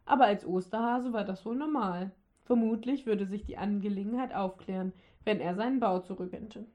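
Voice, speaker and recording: Mellow woman reading a story aloud. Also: mid-range voice, normal speed, muffled recording. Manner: lively reading with occasional slips and restarts. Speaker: audiobook narrator.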